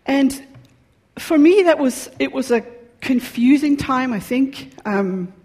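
A woman's voice: sits high, lively intonation, slow, darkish tone. A woman from Scotland with a Scottish accent, preaching a sermon in a chatty, personal manner with frequent ums. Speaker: pastor. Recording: long reverb of a large hall.

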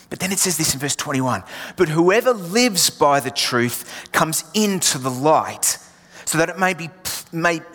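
This man preaches with a voice on the high side and a fairly bright tone. He is a pastor born in England who speaks with an Australian accent, repeating emphatic refrains that now and then fade to a near whisper, and long hall reverb colors the audio.

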